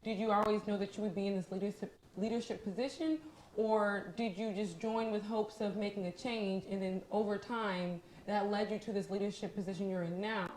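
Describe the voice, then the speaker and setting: A woman's voice: mid-range voice, steady tone, fairly quick, darkish tone, echoey room, slight background noise. A woman hosting a studio interview, asking friendly, long, multi-part questions. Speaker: interviewer, network host.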